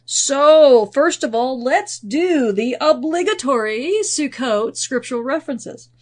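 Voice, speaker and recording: A woman's voice: sits high, lively intonation, unhurried, husky. A woman hosting a podcast, her sinuses congested. She teaches Bible background in a chatty, self-deprecating way, with asides and fillers, and reads scripture aloud. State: congested, sniffling from draining sinuses. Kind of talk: casual spoken teaching, reading scripture aloud.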